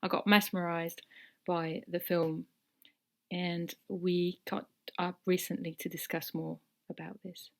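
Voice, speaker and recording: Woman co-host, somewhat low pitch, enthusiastic presenter. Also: little pitch movement, takes it slowly, vocal fry. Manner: enthusiastic, explanatory. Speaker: podcast co-host and interviewer. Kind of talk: podcast presenting.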